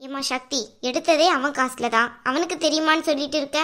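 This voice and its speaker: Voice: high voice, fairly even intonation, quick pace, sharp tone. A performer voicing a middle-aged cartoon mother who bosses everyone around at her son's engagement. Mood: scolding. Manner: scolding, bossy. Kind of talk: cartoon voice acting.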